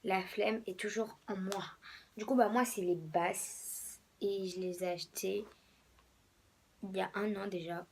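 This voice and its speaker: Young female vlogger, hoarse from a cold, loose rambling delivery with frequent whispered asides, light noise floor. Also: mid-range voice, fairly even intonation, measured pace. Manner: rambling, many fillers, drops to whispers. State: hoarse, a bit sick. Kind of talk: casual sneaker show-and-tell.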